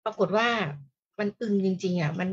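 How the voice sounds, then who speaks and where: A woman's voice: mid-range voice, fairly even intonation, normal speed. A mother talks in an easy, rambling way, full of fillers and trailing phrases. Her voice comes through a dull, lo-fi recording. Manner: chatty, lots of fillers. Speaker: parent guest. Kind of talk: casual chat.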